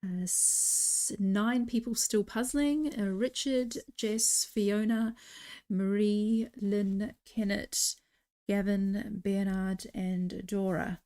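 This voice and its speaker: A woman's voice: medium pitch, fairly even intonation, takes it slowly, mellow. A woman hosting a live online stream, chatty and encouraging as she cheers competitors on. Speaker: host.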